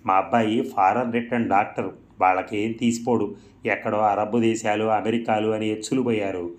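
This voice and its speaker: A man reading the lines of a pushy middle-aged woman relative, brisk and insistent, in a storybook reading. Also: fairly low pitch, fairly even intonation, lightly acted.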